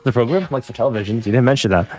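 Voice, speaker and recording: A man's voice: medium pitch, racing, darkish tone, natural voice. A man voicing a flustered young male student protagonist in a game, exasperated and incredulous.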